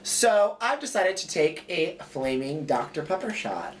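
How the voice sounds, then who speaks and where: A man's voice: a little high, sing-song, unhurried. A man co-hosting a casual recap show, talking in an easygoing, playful way. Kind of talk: casual chat. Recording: distant mic with faint background noise.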